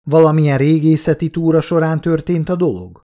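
A man's voice: a little high, fairly even intonation, dark tone, pitched above the performer's own voice, natural voice. Brief: male reader doing a young woman guide, inquisitive and frank, voice barely changed from his own. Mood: curious.

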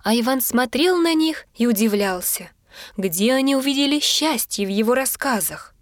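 Give me a woman reading a fairy tale aloud in a measured storytelling manner. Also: on the high side, animated, dry recording, studio quality.

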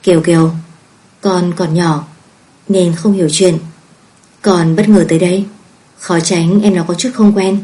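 A woman voicing a kindly middle-aged father who calmly reassures his daughter, in her own mellow voice. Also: lowish voice, measured pace, pauses often, close to an everyday voice, low-quality recording. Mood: reassuring.

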